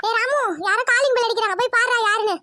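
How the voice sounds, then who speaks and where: A woman's voice: extremely high pitch, fast talker, over loud music. Woman voicing a fretful, scolding cartoon mother. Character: anxious devout middle-aged mother, fiercely proud. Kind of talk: cartoon voice acting.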